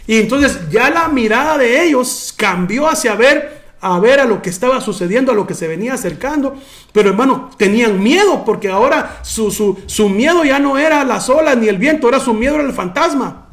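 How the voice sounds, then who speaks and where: High-voiced man preaching a sermon. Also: lively intonation, a little fast. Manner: preaching with repeated "hermano" and restarts. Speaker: pastor.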